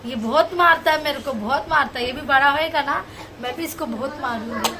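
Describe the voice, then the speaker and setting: A woman's voice: high voice, a little fast, pushed and bright, slight background noise. A young woman vlogging at home with a phone, coaxing her baby in affectionate, sing-song baby talk. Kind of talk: casual family vlog, talking to a baby. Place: home, indoors.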